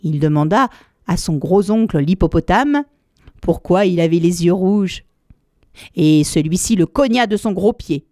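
A woman storyteller narrating a children's tale in a lively, expressive manner. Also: fairly low pitch, measured pace, no echo, studio quality. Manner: lively and expressive, changing voices for each animal.

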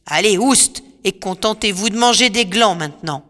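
A woman voicing a cruel sorceress who speaks in a hard, cutting voice and orders men around in scorn, in a reverberant storybook recording with soft music behind. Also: mid-range voice, moderate pace, lightly acted. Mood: scornful, commanding. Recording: long reverb, faint music.

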